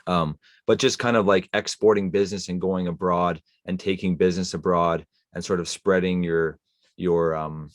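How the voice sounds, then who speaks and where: A Canadian man with a low voice hosts a podcast, talking thoughtfully in casual interview chat with plenty of fillers and restarts. The recording is dry and studio quality.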